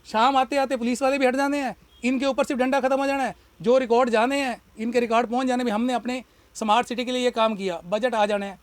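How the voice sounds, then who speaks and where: A man's voice: extremely high pitch, fairly even intonation, fast, no echo. A man who runs a shop, speaking in an impassioned, argumentative way in a street interview. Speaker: shopkeeper and party worker.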